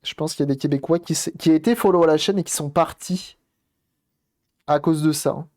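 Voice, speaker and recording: A man's voice: a little high, a little fast, a little mellow. A man casually commenting on a live stream while repairing a game console, thinking aloud and greeting viewers as they arrive.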